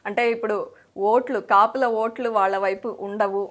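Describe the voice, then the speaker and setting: A woman's voice: mid-range voice, fairly even intonation, moderate pace. A woman interviewer pressing a politician with pointed, challenging questions.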